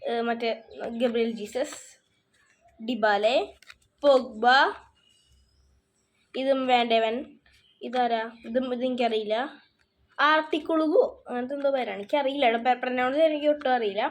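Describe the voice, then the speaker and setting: A woman's voice: fairly high pitch, a little slow, long pauses. Chatty woman reading card names. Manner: chatty, reads names off cards one by one. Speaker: vlogger showing her card collection. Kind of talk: casual show-and-tell vlog.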